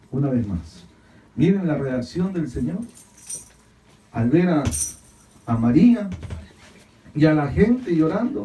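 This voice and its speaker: A male pastor delivers a sermon with a high, very lively voice, mixing loud emphasis with sudden hushed lines. His tone is mellow and warm. He is picked up from some distance in an echoey church hall. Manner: preaching with dramatic swings between loud emphasis and hushed lines; repeats phrases and asks the congregation to answer.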